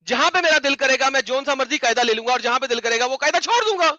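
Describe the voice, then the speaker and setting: Sharp, bright-voiced mocking debater man. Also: very high-pitched, lively intonation, dry recording, dull audio. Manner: mocking, insistent, repeats his questions. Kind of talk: heated online debate.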